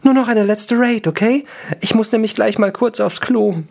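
A man's voice: high voice, normal speed, creaky, a little mellow, pitched above the performer's own voice. A man doing a whiny young elf woman. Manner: whiny, plaintive.

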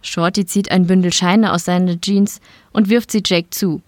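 A woman narrating a short story in an audiobook style, steady and matter-of-fact. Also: fairly low pitch, normal speed, no echo, clean studio sound. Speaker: reader.

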